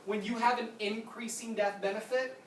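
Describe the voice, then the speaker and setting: This thirtysomething trainer delivers a product training talk with Q&A in a conference room, explaining clearly and tossing out quick "yep"s and "nope"s. The medium-pitched voice holds fairly even intonation, recorded by a distant mic in a roomy space with faint noise.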